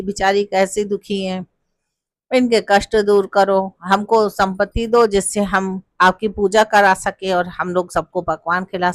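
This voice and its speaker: A woman's voice: mid-range voice, no room sound, close to an everyday voice. A woman voicing a kind, devout young daughter-in-law. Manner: gentle, consoling.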